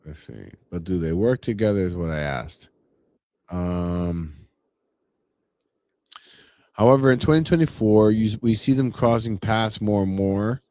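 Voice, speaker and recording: Slow, low-voiced hesitant podcast man. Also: animated, mellow. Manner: hesitant, full of "uh" and "let's see". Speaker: podcast co-host. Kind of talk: casual chat.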